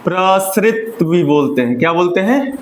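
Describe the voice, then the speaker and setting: A man's voice: high voice, animated, a little slow. A male teacher giving a Hindi grammar lesson, asking the class questions and having them repeat the answers. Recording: roomy classroom echo.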